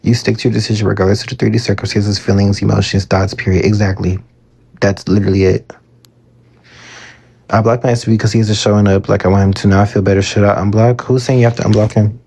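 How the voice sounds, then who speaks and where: A man's voice: lowish voice, level tone, quick pace, gravelly, darkish tone, slightly rough. A man giving casual manifestation advice on a live stream, reading viewer comments aloud and answering them in a chatty way full of fillers, into a phone.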